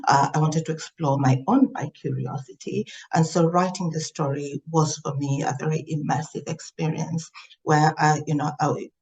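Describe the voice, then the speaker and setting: A woman's voice: sits low, rough recording. A middle-aged woman from Tanzania, an author speaking as a podcast guest in a reflective, thoughtful way with frequent fillers. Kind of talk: podcast interview.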